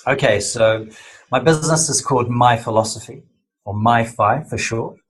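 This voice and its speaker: A man with a husky voice, chatting casually as a podcast guest in a jokey, teasing way. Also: mid-range voice, moderate pace, rough recording. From New Zealand. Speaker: podcast guest, business owner. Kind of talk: casual chat.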